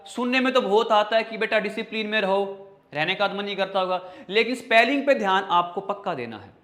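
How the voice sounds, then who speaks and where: A man's voice: sits high, sharp tone. A man with a Hindi accent teaching an online vocabulary class, asking questions and answering them himself while spelling words out in pieces. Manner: addresses students as brother and child. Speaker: English teacher.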